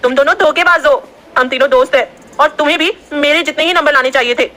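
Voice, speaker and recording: A woman acts out a loud, dramatic young student girl in an audio story. She talks excitedly in a bright, high voice, as if she's always just about to shout. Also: quick pace.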